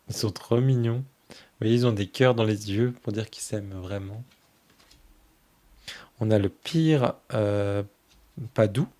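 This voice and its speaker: Slow, soft-spoken man leafing through cards. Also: mid-range voice. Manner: gushes fondly over each card. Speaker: tarot channel host. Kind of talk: casual oracle deck flip-through.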